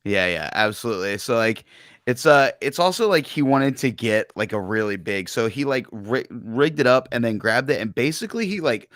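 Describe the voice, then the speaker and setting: A man's voice: medium pitch, lively intonation, moderate pace, fairly bright tone, no echo, clean studio sound. A man playing a tabletop game, rambling with many fillers and frequent laughs. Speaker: player. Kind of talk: casual tabletop play.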